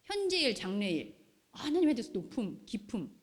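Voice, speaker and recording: A woman pastor preaching a sermon in a lively way, often putting questions to the congregation. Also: fairly high pitch, moderate pace. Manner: animated, asks the congregation questions. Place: church hall. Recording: long hall reverb.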